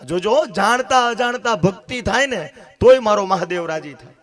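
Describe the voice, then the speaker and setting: A man's voice: sits high, animated, normal speed, a bit bright. A man preaching a devotional story sermon, acting out the dialogue and speaking straight to his listeners. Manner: dramatic, acts out dialogue, addresses listeners directly. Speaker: katha storyteller.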